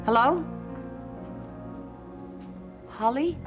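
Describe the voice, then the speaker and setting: A woman's voice: sits high, extremely slow, music in the background. An actress playing an anxious mother searching for her missing daughter in a reenactment, hesitant. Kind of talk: documentary reenactment.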